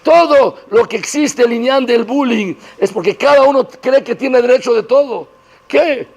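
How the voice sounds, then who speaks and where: Male rabbi, Torah lecture, high gravelly voice, animated teacher who acts out dialogues. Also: moderate pace. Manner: mixes Hebrew terms into Spanish, lively teacher acting out dialogues. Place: classroom talk to female students.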